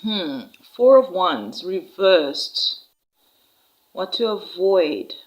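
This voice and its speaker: A woman giving an intuitive tarot reading to viewers, speaking in an unhurried, reassuring way with frequent "all right?" check-ins. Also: lowish voice, very animated, low-quality recording. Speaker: tarot reader.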